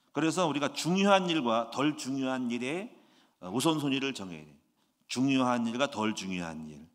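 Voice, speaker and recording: A man in his sixties, a pastor delivering a Friday sermon in an animated preaching manner, often asking the congregation rhetorical questions. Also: mid-range voice. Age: 60s. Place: church sanctuary. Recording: echoey church hall reverb.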